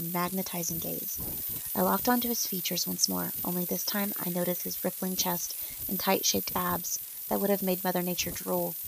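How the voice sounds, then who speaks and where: A woman's voice: fairly low pitch, creaky, a little hiss or hum, low-quality recording. A woman reading a first-person story aloud and speaking the characters' lines in nearly her own voice. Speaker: narrator.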